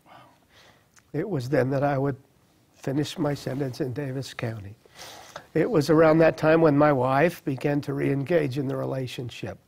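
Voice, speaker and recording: Gravelly, husky middle-aged man recounting. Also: mid-range voice, steady tone, a little mellow. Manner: earnest, reflective, with halting restarts. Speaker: speaker sharing a personal testimony. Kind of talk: personal storytelling.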